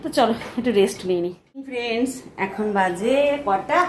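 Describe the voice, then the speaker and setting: A soft-spoken woman in her thirties, chatting casually to her phone camera at home in a vlog and grumbling good-naturedly about chores. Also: on the high side, expressive, normal speed. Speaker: vlogger. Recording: echoey room with faint ambient noise.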